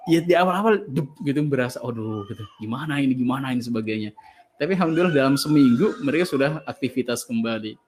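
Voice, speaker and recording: Ustaz guy preaching and answering questions, lively storyteller, bit of faint noise in the background. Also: mid-range voice. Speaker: ustaz teaching an online study session. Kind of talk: religious lecture with Q&A.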